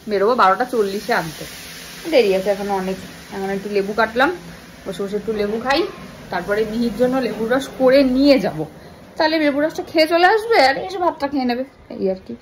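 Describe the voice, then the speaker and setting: A woman's voice: a little high, slight background noise, poor audio. Chatty mother vlogging her day. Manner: chatty, talks to viewers while doing chores. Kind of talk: casual daily-life vlog narration.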